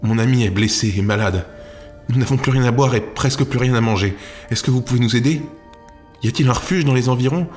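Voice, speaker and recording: A weary young shape-shifter woman who speaks with stiff politeness, as a man puts her on. Her voice sits noticeably higher than the reader's own deep tone. It is a fantasy storybook reading with faint music behind it. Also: moderate pace, darkish tone, natural voice. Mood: urgent pleading. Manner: formal, courteous speech.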